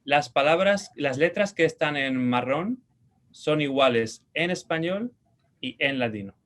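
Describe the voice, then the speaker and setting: A man's voice: fairly high pitch, lively intonation, fairly bright tone. Spanish-man teaching a language lesson. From Spain. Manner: patient, repeats words slowly for pronunciation; checks in with short questions.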